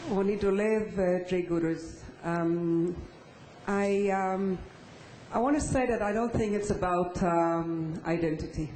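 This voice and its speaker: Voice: mid-range voice, steady tone, unhurried, a little mellow. Hesitant audience speaker, echoey hall. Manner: hesitant, many fillers. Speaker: audience member commenting.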